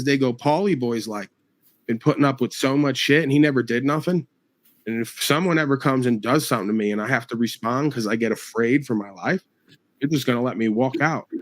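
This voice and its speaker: Profane New man ranting. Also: medium pitch. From New York. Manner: profane, confrontational, mocking. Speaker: livestreamer. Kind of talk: angry livestream rant.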